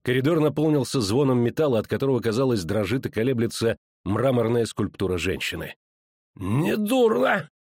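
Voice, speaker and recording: Guy narrating an audiobook, mid voice, steady, bone dry close mic. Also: mid-range voice, fast talker, few pauses, dry recording. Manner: steady, even storytelling read.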